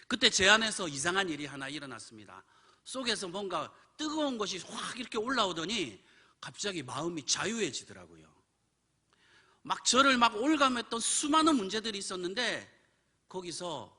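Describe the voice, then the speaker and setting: Male preacher, animated storyteller with a bright, lively pitch. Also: slightly rough. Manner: animated storytelling, acts out quoted voices. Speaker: pastor. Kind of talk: sermon with personal story. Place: church.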